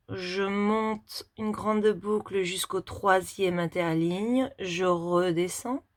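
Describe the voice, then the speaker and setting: Slow, patient French teacher woman. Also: medium pitch. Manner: slow, step-by-step demonstration while writing. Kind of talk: handwriting lesson for young children.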